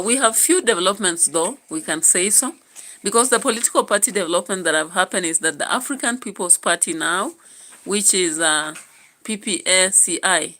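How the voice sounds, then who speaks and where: A young Kenyan woman talks through the news for her channel in a loose, chatty way, pausing on fillers as she thinks aloud. Her voice sits fairly low yet comes across bright and forceful. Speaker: YouTube channel host. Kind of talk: casual political commentary vlog.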